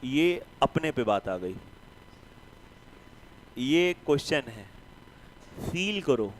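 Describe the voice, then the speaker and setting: A man's voice: medium pitch, big pitch swings, drawn-out words, slight background noise, poor audio. A man teaching a math class, who teases and scolds his students and keeps asking them questions. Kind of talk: classroom lecture.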